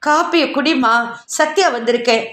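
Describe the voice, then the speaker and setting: A woman's voice: high voice, moderate pace, a bit bright. A woman voicing a frightened young woman who pleads and sobs, read in a roomy space. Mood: tearful. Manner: pleading, sobbing.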